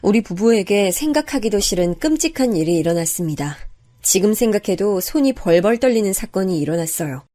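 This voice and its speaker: A woman narrating a first-person true-life story in a calm, confiding way. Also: medium pitch, a little fast. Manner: calm, confiding, even-paced.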